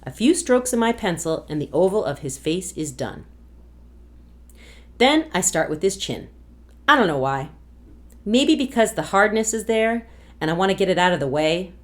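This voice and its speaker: A woman reading a novel aloud to a class as a guest reader, in an expressive storytelling manner. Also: medium pitch, moderate pace, pauses often.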